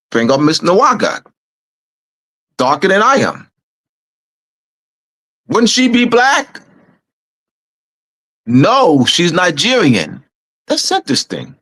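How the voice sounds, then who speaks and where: Host, male, Camden accent, halting reflective storyteller with a lively, slightly high voice. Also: poor audio. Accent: Camden, New Jersey. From Camden, New Jersey. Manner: halting, repeats words, searching aloud.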